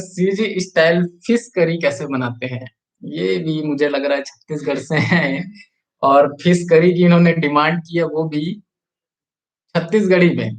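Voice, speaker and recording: A man's voice: a little high, poor audio. A man chatting casually on a live stream, reading out viewer comments and urging people to like the video. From Chhattisgarh, India. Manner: chatty, reads out viewer comments and urges likes.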